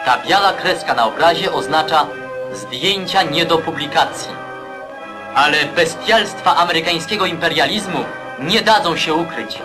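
A man's voice: a little high, normal speed. A man narrating an old 1950s newsreel in a stern, declamatory voice. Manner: declamatory, stern propaganda delivery. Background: loud music score.

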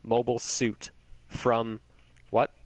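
A man's voice: medium pitch, monotone, takes it slowly, no echo, poor audio. A young man with a Canadian accent, chatting casually while gaming, rambling and swearing a lot. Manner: rambling, swears often, many "like"s. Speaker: gamer. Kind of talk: casual gaming chat over voice call.

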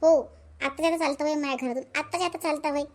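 A high-pitched, sharp-tongued cartoon mother, voiced by a woman, scolding in a broad Vidarbha accent. She is a widow at the end of her patience, nagging and berating her idle grown son. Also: fairly even intonation, rapid-fire, natural voice. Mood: furious scolding. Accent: Vidarbha Marathi. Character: scolding widowed village mother, middle-aged, fierce. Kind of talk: cartoon voice acting.

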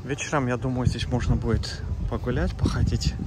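A travel vlogger walks around with his phone, outdoors and in hotel rooms, narrating his vlog and chatting to viewers like friends with plenty of fillers. His mid-range voice is steady and brisk, and the recording is very noisy.

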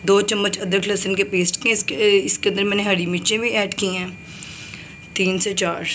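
This woman vlogger has a medium-pitched, fairly bright voice, delivered flatly at normal speed, as she chats through a home recipe step by step and points things out. She's chatty, repeating "ye dekhiye" with each step she shows. Sizzling and kitchen noise sit behind her in the home kitchen.

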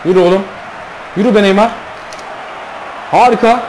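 Excitable Turkish man commentating gameplay. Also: high-pitched, normal speed, a little hiss or hum. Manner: excitable, shouts cheers and complaints at the game.

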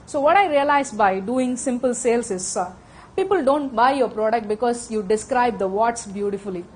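This middle-aged woman, who has an Indian accent, lectures on a technical subject to a room of attendees, talking quickly into a handheld mic and frequently checking in with "okay?". Her slightly high voice has lively intonation, and a little hiss or hum can be heard.

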